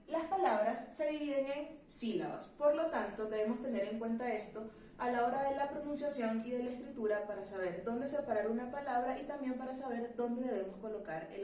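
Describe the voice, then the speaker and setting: A woman teacher explaining a grammar lesson in a clear, measured classroom manner, asking rhetorical questions. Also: a little high, warm tone, reverberant, recorded from a distance, a little hiss or hum.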